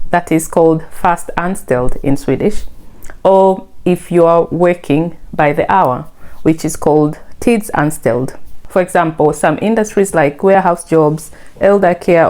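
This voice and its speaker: In scripted narration for her own vlog, a Tanzanian woman explains things in a warm, conversational way. Her voice is lowish with a somewhat dark tone.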